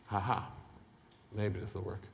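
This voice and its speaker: A man, a tech company executive, gives a relaxed, blunt product talk to a conference audience, with mild swearing and acted-out lines. His lowish voice is level and unhurried, with vocal fry, and a slight hiss or hum is present. The large indoor hall produces long reverb.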